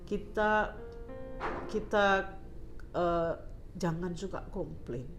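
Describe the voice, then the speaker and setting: A woman's voice: lowish voice, very slow, music in the background. A woman telling her faith testimony in casual chat, mixing English phrases into her talk and laughing often. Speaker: guest sharing a testimony.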